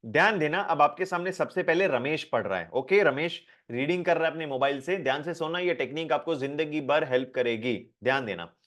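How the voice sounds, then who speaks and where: Lively male online teacher. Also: on the high side, brisk, few pauses. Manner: lively and repetitive, asking the class questions. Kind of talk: live online class.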